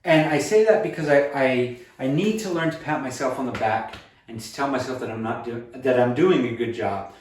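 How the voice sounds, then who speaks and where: A man's voice: medium pitch, moderate pace, darkish tone, recorded from a distance. A man in his late twenties talking casually and earnestly in a vlog, upbeat and self-encouraging, with fillers and restarts. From USA. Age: 20s. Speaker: vlogger. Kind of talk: casual weight-loss vlog. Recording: echoey room, voice off-mic at times.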